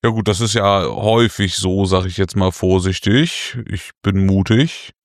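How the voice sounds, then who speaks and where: A man's voice: low voice, unhurried, no echo, studio quality. A man co-hosting a casual board game news podcast, self-mocking and jokey, laughing at his own slips. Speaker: podcast co-host.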